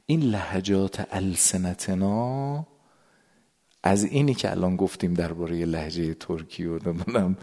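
A man's voice: deep voice, a little mellow. A man giving a sermon to a gathered audience, explaining a prayer text, stretching his words and sometimes dropping to a whisper. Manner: drawn-out words, sudden drops to a whisper. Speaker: religious lecturer.

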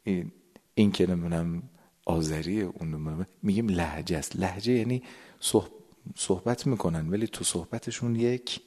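This religious lecturer has a deep, warm voice and takes his sermon slowly before a live audience. Explaining a prayer text, he draws out his words and now and then sinks abruptly into a whisper.

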